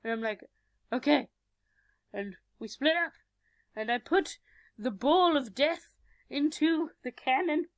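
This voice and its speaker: A woman casually narrating her animated tabletop game story, rambling and self-mocking, on a cheap home mic. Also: high-pitched, measured pace, no echo. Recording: background music under the voice.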